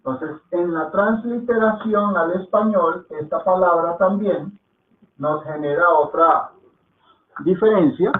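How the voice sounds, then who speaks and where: A man teaching a lesson at a slow, deliberate pace, in a slightly high voice for a man. He repeats words again and again to drill pronunciation. The sound is echoey and thin, like a phone line. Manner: checks in with soft "¿mm?" and "¿ok?". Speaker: Hindi teacher.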